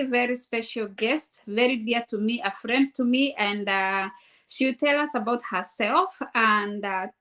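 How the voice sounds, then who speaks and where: A woman from Kenya hosting a casual live-streamed interview, chatty and friendly with many fillers. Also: a little high. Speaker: host, registered nurse.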